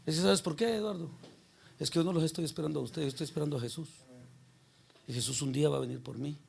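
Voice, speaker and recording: High, gravelly male pastor preaching. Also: fast talker, slight background noise. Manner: keeps questioning the congregation by name, rhetorical and animated. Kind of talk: conversational sermon.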